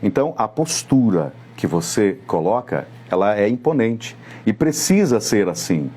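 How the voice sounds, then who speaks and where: Low husky Brazilian coach, unhurried. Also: male voice, very animated, warm tone. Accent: Brazilian Portuguese. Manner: measured, didactic, addresses listener directly. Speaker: communication coach. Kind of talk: live online lecture.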